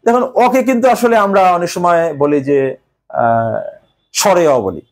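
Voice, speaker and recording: A male teacher explaining a grammar lesson step by step, pausing often with hesitations. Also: sits high, very animated.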